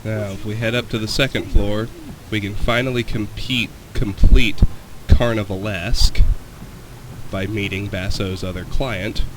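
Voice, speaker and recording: A man's voice: on the low side, fairly even intonation, unhurried, noisy background. A man hosting a let's play, giving walkthrough commentary on a video game.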